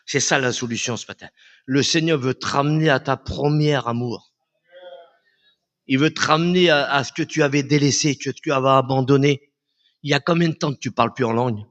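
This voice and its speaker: A man's voice: mid-range voice, fairly bright tone, lo-fi sound. A man preaching a sermon at a church service. He speaks fervently, repeats his key phrases and addresses the congregation directly. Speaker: pastor.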